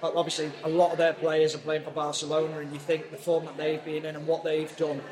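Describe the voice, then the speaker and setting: Male pundit, slightly high voice, halting restarts, loud crowd chatter behind. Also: completely flat delivery. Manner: hesitant, restarts his sentences. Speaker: pundit guest. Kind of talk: casual sports chat.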